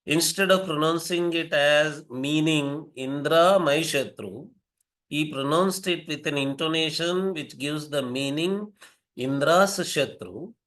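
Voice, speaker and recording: An older man with an Indian English accent speaks in a fairly high voice. He lectures slowly and carefully, repeating and rewording his points with small fillers. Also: a bit bright. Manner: measured, repeats and rephrases himself, fillers. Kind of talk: explanatory lecture.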